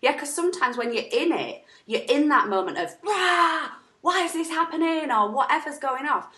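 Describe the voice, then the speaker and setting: On an online call from an echoey room, a woman with a sore throat co-hosts a casual self-help chat. Her high, expressive voice moves at normal speed and sounds pushed and bright. She's chatty and emphatic and acts out quotes as she talks.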